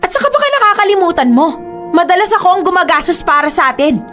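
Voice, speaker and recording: In a radio drama, a woman with a Filipino accent plays a young girlfriend who is hurt and indignant, pleading reproachfully with her boyfriend. Her exaggerated delivery is very high-pitched, very animated and fast, with a fairly bright tone, and sounds angry and wounded. Soft music plays underneath.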